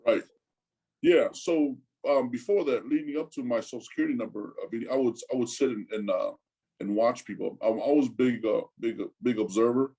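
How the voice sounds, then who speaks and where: A man's voice: mid-range voice, warm tone, slightly rough, low-quality recording. A man in his forties from Tonga, talking casually as an interview guest, often stopping to repeat words and tacking "man" onto his sentences. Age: 40s. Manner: halting, repeats words, says "man" a lot.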